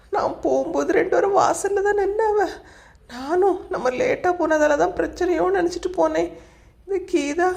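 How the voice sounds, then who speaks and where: A tearful, complaining young wife in a cartoon story, talking in a Kanyakumari Tamil accent. Her high, mellow voice sounds echoey, as if recorded in a bare room. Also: creaky. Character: young married woman, tearful and stubborn. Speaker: cartoon character. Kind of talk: cartoon voice acting.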